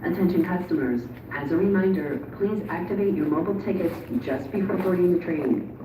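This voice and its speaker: A woman making a formal, measured station announcement over a public address loudspeaker. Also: fairly low pitch. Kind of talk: recorded transit announcement. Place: train station platform. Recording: distant echoey loudspeaker with station noise. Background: station ambience, passing trains.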